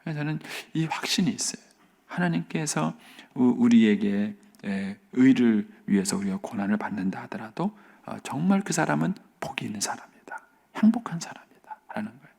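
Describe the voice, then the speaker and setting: A middle-aged male pastor preaching a dawn service sermon in a church, earnest, often sinking to a soft near-whisper to stress a point. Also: mid-range voice, very animated, normal speed, creaky. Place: church sanctuary.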